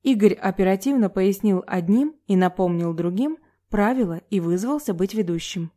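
Mellow-voiced woman reading a story. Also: mid-range voice, expressive, normal speed. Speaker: audiobook narrator. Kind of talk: reading a novel aloud.

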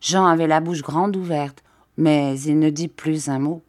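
A woman reading an audiobook and voicing a tired, coughing middle-aged Corsican man who speaks in a flat, placid monotone. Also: sits low, measured pace. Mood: grim.

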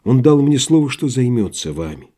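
A man voicing a soft-hearted older male postmaster who pleads with a friend in a gentle, tearful half-whisper. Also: mid-range voice, very animated, normal speed. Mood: coaxing. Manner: soft, coaxing half-whisper with sudden gruff barks.

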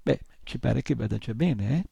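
Gruff old gnome healer woman, brusque and scolding, gravelly and husky, read by a man. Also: medium pitch, expressive, moderate pace, mellow, no room sound, exaggerated voice.

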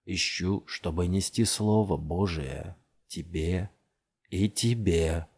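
A zealous, menacing young man who drawls his words slowly in a low, husky voice, voiced by the male narrator. Deliberate and unsettling, read as a dark audiobook scene. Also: exaggerated voice. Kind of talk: audiobook character voice.

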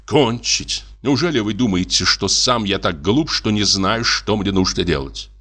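A man's voice: fairly low pitch, lively intonation, unhurried, sharp tone, breathy edge, heavily acted. A man doing an exasperated, irritable painter. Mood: irritated. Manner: exasperated and curt. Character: irritable, weary male painter.

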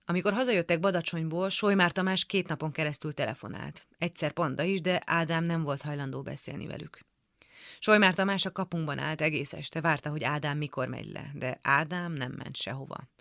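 A woman reading a literary memoir aloud for radio in a calm, measured storytelling manner. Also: low-pitched, gravelly, no echo, clean studio sound. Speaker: radio reader. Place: radio studio.

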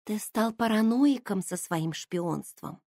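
A woman plays a cheeky pregnant younger sister, hushed and teasing, slipping slightly higher and quieter than the narration. she talks slowly, with a lively up-and-down pitch. it sounds close and dry, like a storybook reading. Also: no room sound.

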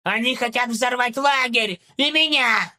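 A man's voice: very high voice, a little slow, bright, forceful tone, pitched above the performer's own voice, heavily acted. A man voicing a tiny, cowardly male goblin-like servant in an audiobook, squealing and whimpering in a panic. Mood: panicky squealing.

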